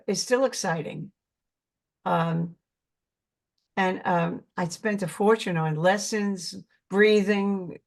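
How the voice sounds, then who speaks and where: A guest in a casual interview chat, the older actress from Brooklyn, New York, speaks at mid pitch. She's earnest but halting, repeating words as she searches.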